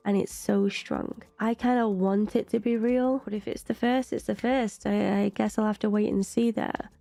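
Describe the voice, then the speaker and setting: British woman with a gravelly, mellow voice. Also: mid-range voice, steady tone, normal speed, no echo. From Britain. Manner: chatty and opinionated, with frequent "like" fillers. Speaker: reaction video host. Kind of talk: casual reaction commentary.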